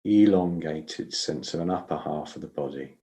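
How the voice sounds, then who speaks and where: A man leading a guided breath counting meditation as a teacher, speaking in a slow, measured, instructional way with pauses. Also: a bass voice, warm tone.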